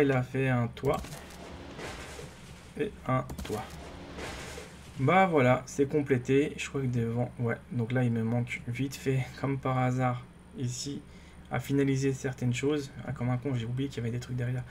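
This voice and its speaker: Male gaming YouTuber, mid pitch, casual and excitable, rambles; faint noise floor. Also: moderate pace, pauses often. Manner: rambling, excitable, many fillers and restarts. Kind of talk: casual gameplay commentary.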